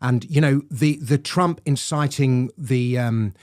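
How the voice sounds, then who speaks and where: A man's voice: mid-range voice, slow pace, darkish tone, dry recording. Indignant male commentator, dry studio sound. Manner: indignant, emphatic. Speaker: guest commentator. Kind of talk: studio discussion.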